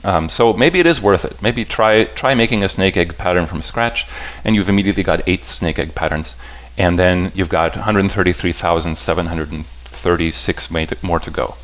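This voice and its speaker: A man's voice: low-pitched, fairly bright tone. A man giving an explanatory talk to a live audience about puzzle patterns, often stopping to restart and rephrase his sentences and checking in with listeners. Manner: halting and self-correcting, stops to restart sentences; talks directly to the audience with checking questions.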